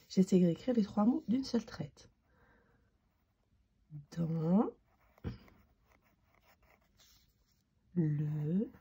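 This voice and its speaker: A woman teacher giving a slow, patient handwriting lesson to young children, spelling out each letter as she writes. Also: fairly low pitch, mellow, slightly rough, dull audio.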